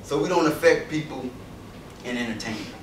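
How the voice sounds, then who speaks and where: Speaking briskly in a medium-pitched voice, a man invited to address university students delivers an emphatic public speech in a lecture hall and fires rhetorical questions at the audience. The recording, made from far off in an echoey hall, has a slight hiss or hum.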